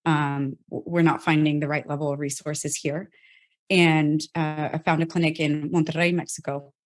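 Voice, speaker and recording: A woman from South Texas, a company co-founder, telling her personal story in an interview, earnest and pausing as she restarts on hard memories. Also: deep voice, little pitch movement. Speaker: healthtech company co-founder, guest.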